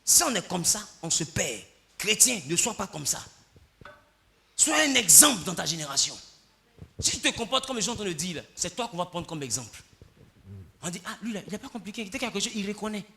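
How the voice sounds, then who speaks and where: A male pastor preaches with great animation. His voice sits high and very bright, leaping up and down in pitch as he drops to near-murmurs and then bursts into shouts. He acts out quick exchanges between people to make his point. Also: gravelly. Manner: animated preaching, swinging from quiet asides to shouts. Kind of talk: sermon.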